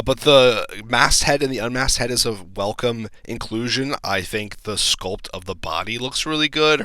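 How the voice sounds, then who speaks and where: Man, low pitch, crisp bright tone, chatty toy commentary, filler-heavy, blunt, dry close sound. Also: dry recording. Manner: chatty, frequent ums and likes, blunt opinions. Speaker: toy collector channel host. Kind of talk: casual toy news commentary.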